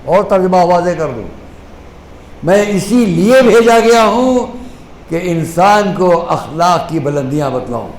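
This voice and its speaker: A man with an Indian Urdu accent delivers an impassioned sermon in a slightly raised voice. He stretches quoted scripture out slowly and drops low for small acted-out exchanges. The hall around him is echoey, with a faint hum of ambience. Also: animated. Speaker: maulana preaching at a majlis. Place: mourning hall.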